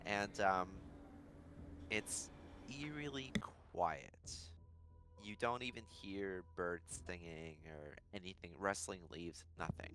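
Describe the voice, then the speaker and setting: A man narrating a tabletop game as game master, calm and descriptive with frequent fillers. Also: low voice, takes it slowly, a little hiss or hum.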